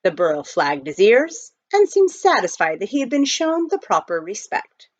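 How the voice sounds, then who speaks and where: In a dull, lo-fi recording made at home, a woman tells the story of a children's novel with lots of expression. Her voice is mid-range and her pace moderate.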